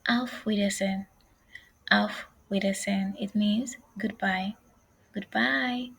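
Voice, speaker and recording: A woman teaching an online language lesson, speaking slowly and carefully and saying each phrase twice. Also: medium pitch, fairly even intonation, a little mellow, breathy edge, low-quality recording.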